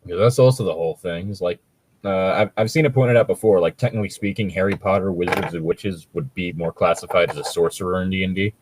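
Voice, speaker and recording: A male podcast co-host chats casually while reading and mocking fan fiction, cursing freely and dryly complaining as he breaks it down. He has a low, darkish voice and a quick pace, and the audio is poor, with a little hiss or hum.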